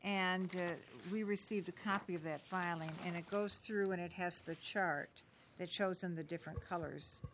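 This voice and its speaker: A woman's voice: fairly low pitch, fairly even intonation, moderate pace, noisy background. A woman chairing a commission hearing, asking questions and clarifying details conversationally. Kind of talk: formal hearing.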